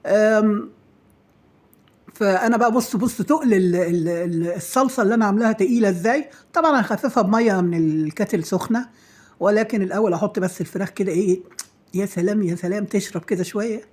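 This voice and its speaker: Middle-aged Egyptian woman, home-cooking vlog host, husky, rapid and playful patter. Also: medium pitch, darkish tone. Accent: Egyptian Arabic. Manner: chatty, self-praising and playful, trailing off with fillers. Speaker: home cook and channel host. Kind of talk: casual cooking chat to followers.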